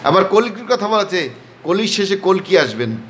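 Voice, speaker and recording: A man's voice: high voice, big pitch swings, normal speed, fairly bright tone, a little hiss or hum. Bengali-accented man preaching, rhetorical questions. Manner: rhetorical questions, answering himself with emphatic repeated "yes"; leads crowd in call-and-response chanting. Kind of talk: devotional sermon.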